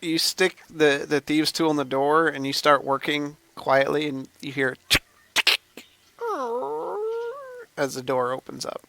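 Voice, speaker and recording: Gravelly, bright-toned male game master. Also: a little high, little pitch movement. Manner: descriptive, unhurried scene-setting narration. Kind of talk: narrating a tabletop game.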